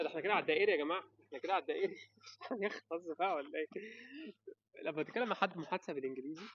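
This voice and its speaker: An Egyptian man with an Egyptian Arabic accent gives casual advice to camera, animated and talking straight to the viewer with quick rhetorical questions. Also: on the high side, dry recording, lo-fi sound. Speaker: vlogger giving advice.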